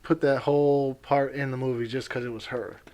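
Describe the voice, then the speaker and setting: A man's voice: medium pitch, steady tone, moderate pace, mellow, slight background noise. A man co-hosting a podcast in casual chat, laughing often and protesting playfully. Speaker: podcast co-host.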